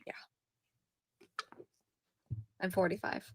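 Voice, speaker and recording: A woman's voice: drawn-out words, no echo. A woman in her thirties co-hosting a podcast, chatting casually and playfully with lots of giggles and exclamations. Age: 30s. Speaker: podcast co-host. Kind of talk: casual chat.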